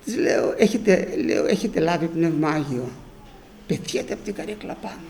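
An older man preaching, telling a personal story in an animated way and acting out the shouting voices of the people in it. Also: fairly high pitch, gravelly.

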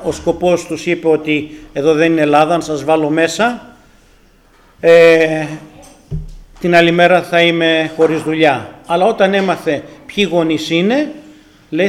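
An older man from Greece telling his personal testimony to a congregation, earnest and emphatic, his loudness rising and falling. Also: on the high side. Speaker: church member giving testimony.

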